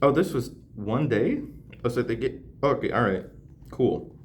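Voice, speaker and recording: Reading a classic novel at an unhurried pace, the young channel host keeps pausing for slangy jokes and laughter, his voice moving lively around a middle pitch. The casual, unpolished recording feels like a home reading video, with slight background noise.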